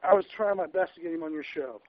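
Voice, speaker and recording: A man's voice: on the high side, fast. A drunk man calling in to a radio show, rambling and stammering with frequent swearing. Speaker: caller. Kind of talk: casual call-in chat. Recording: dull lo-fi phone call audio.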